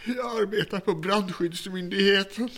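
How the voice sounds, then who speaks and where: A man's voice: high-pitched, fairly bright tone. An actor playing a frightened fire inspector held captive, pleading and trying to placate his captor. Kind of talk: radio drama acting.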